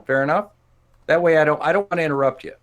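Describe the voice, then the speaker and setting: Calm moderator man in his fifties. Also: fairly high pitch, quick pace. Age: 50s. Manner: calm, polite, reasonable. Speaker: debate moderator. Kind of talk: moderating an online debate.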